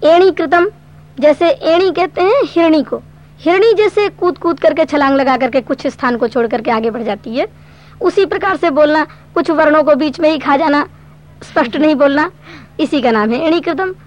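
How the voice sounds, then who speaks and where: A woman teaching a Sanskrit grammar lesson, explaining patiently step by step and reciting verse slowly. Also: sits high. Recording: dull lo-fi recording.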